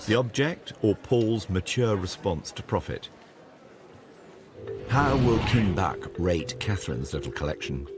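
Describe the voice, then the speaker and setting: A man's voice: low voice, animated, a little slow, over music. A man reading scripted television voice-over narration in a wry, playful way. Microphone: studio voice-over.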